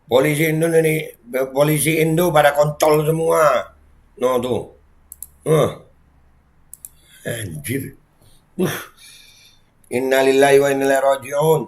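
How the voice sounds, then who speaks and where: A man, doing angry reaction commentary with shouted outbursts, sighs and swearing. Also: a little high, little pitch movement, a little slow, pauses often. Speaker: vlogger reacting to news.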